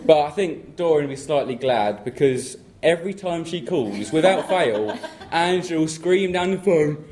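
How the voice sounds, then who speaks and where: A young man from England, speaking as the groom at his wedding reception, joking and then thanking family warmly. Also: on the high side, lively intonation, normal speed. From southern England. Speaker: groom giving a wedding speech. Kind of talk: wedding speech to guests. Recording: loud crowd and noise at a reception. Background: laughing guests.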